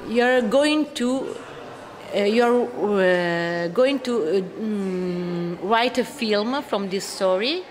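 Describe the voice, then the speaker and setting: Slow, hesitant woman interviewer. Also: medium pitch. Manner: hesitant, searching for words. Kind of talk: halting interview question.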